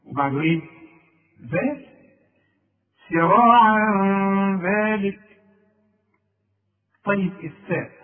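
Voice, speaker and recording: Heard on a distant mic with tinny, phone-like sound, a slightly high-voiced man with an Egyptian Arabic accent gives a tajweed lesson. He patiently poses questions to the listener, answers them himself and stretches out recited examples with a nasal hum.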